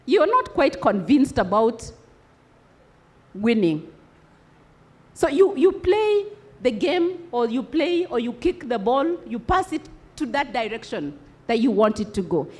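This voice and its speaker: A woman's voice: high voice, very animated, measured pace, long pauses, darkish tone. A woman giving a motivational speech to students at a congress, asking rhetorical questions and repeating key words for emphasis. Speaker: motivational speaker. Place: conference hall.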